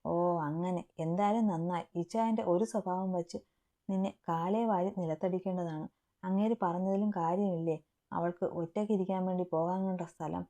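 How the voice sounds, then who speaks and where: A woman's voice: on the low side, steady tone, moderate pace, mellow, close to an everyday voice. A woman voicing a teasing, bossy young student friend, in a storybook reading.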